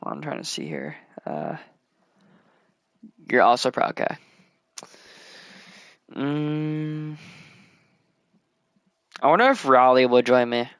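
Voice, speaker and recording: A man's voice: medium pitch, sing-song, slow pace, vocal fry, long pauses, a bit bright, clear, resonant tone, dry recording, studio quality. A man chatting casually while playing a building game, rambling and mumbling counts under his breath. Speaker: gamer. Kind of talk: casual let's play commentary.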